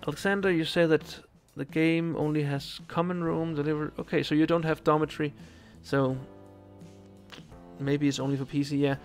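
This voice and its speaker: A young Danish man, not a native speaker, streaming a video game and chatting casually with viewers, with many ums and restarts. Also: fairly high pitch. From Denmark. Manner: relaxed, halting, lots of ums and restarts. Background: faint game music.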